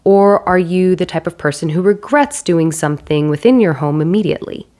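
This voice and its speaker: A stay-at-home mom vlogging casually, sounding nasal from a cold, chatty and self-deprecating with rambling asides, holding a handheld mic at home. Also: female voice, fairly low pitch, fairly quick, darkish tone. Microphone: handheld microphone.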